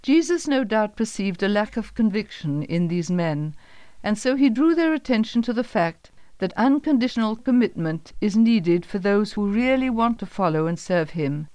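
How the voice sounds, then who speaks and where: A woman giving a calm, even scripted narration of a Bible story on a close microphone. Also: medium pitch, moderate pace, no echo.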